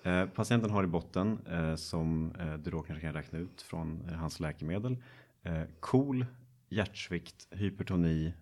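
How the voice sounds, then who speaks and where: Deep-voiced man hosting a medical podcast. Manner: relaxed, hesitant with many fillers. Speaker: podcast host presenting a medical case. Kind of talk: casual podcast case teaching.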